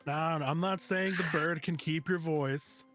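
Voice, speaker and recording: A man's voice: on the high side, unhurried, a bit bright, faint music behind. A man talking casually, partly in character, as a player in a tabletop game.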